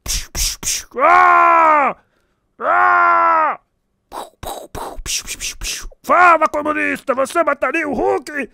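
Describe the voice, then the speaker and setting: A childish green brute rages in short, broken third-person phrases, as a man puts him on. The voice is raspy and sharp-edged, set in a dry, close sound. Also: very high-pitched, takes it slowly, long pauses, no echo, voice pushed up, heavily acted. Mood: raging. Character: angry hulking green male brute, childish.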